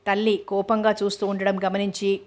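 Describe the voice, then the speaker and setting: A woman narrates a novel in a measured, even way. Her pitch sits in the middle and barely moves, so every line comes out in the same level tone. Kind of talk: reading a novel aloud.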